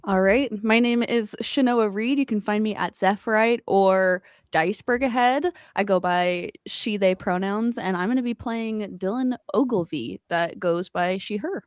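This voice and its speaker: A woman's voice: mid-range voice, a little slow, few pauses, clean tone, dry recording. Friendly woman with a dry close sound. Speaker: tabletop player. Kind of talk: casual introduction on a game stream.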